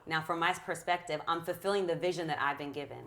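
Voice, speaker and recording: A woman's voice: low voice, fairly even intonation, fast talker, a bit bright. A middle-aged woman, a guest speaker in an interview, talking in a passionate, affirming way with a preacher-like rhythm. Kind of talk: conversational interview.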